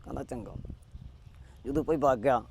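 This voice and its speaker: A man's voice: medium pitch, normal speed, creaky, a little mellow, breathy edge. A man telling a village folk tale in a rustic style, quoting each character with "he says". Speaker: storyteller.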